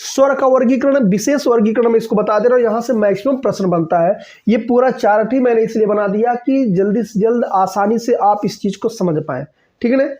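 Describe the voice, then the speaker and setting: A man's voice: sits high, a little fast, mellow. A man teaching an exam-prep grammar lesson, repeating key points and checking in with his students often. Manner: asks and answers own questions.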